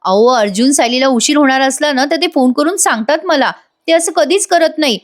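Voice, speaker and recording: A woman voicing a tearful, anxious middle-aged mother who pleads and frets in a high voice. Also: fairly quick, close to an everyday voice. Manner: pleading, emotional.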